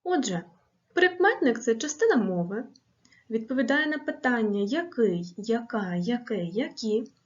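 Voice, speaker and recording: A woman teaching a grammar lesson to schoolchildren on video, speaking slowly and clearly and asking and answering drill questions. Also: fairly high pitch, big pitch swings, dull audio.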